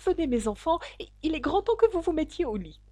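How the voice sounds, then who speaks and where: A woman's voice: high voice, big pitch swings, mellow, dry recording, voice pushed up. A woman voicing a trembly mother canary. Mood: anxious. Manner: trembling, hurried.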